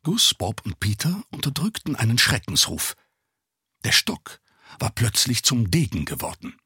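A man narrating an audiobook in a recording studio, reading in a very animated, dramatic way. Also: medium pitch, unhurried, slightly rough, dry recording.

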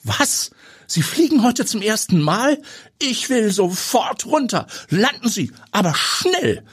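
A man voicing a nervous young woman, a police colleague, who pleads in a shrill, panicky way. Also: expressive, moderate pace, breathy edge, dry recording, studio quality. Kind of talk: audiobook character voice.

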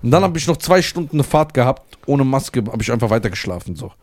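Animated man telling a story. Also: mid-range voice, fast talker. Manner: animated anecdote teller, swears oaths for emphasis. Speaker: comedian guest. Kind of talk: casual podcast chat, storytelling.

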